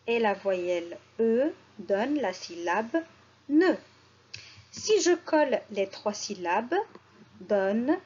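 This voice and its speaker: Slow, lively woman teaching French. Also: fairly high pitch, muffled recording. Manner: slow, repeats key words, lively teaching intonation. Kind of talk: slow, deliberate French lesson for learners.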